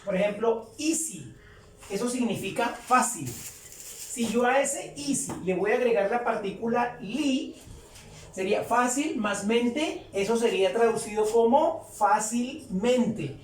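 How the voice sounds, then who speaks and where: Slow-paced woman teacher, roomy and distant. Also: a little high, animated. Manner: repeats each example slowly and deliberately. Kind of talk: slow explanatory lesson. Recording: roomy echo, distant from the mic, faint background hum.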